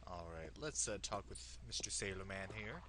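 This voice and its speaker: A man's voice: low-pitched, lively intonation, moderate pace, noisy background. A man hosting a let's play with casual, joking commentary, reacting aloud to the game.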